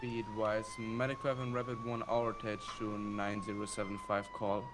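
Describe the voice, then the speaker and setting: A man's voice: lowish voice, level tone, moderate pace. A man working as an emergency radio dispatcher, speaking in clipped, procedural ambulance-radio phrases. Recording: very noisy emergency radio, sirens behind. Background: sirens and emergency vehicles.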